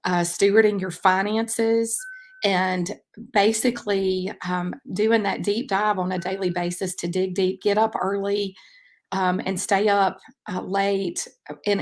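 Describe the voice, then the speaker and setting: A woman in her thirties hosting a podcast, talking through a personal faith reflection in a relaxed, reflective way with frequent ums. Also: medium pitch, unhurried. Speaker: podcast host and track coach. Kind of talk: casual faith-based podcast monologue.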